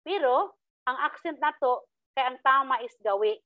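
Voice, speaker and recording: A woman's voice: high voice, lively intonation, moderate pace, no echo. A woman teacher giving a step-by-step lecture, acting out sample lines with rising tones. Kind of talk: classroom lecture. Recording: tinny phone-like dry sound.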